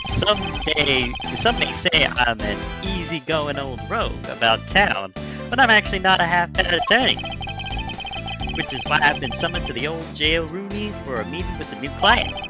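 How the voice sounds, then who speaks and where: A woman's voice: low voice, expressive, moderate pace. A woman voicing an easygoing, cocky male attorney in a video game, jaunty and slangy, with music behind. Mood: breezy. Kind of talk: live voice-acted read-through of a video game.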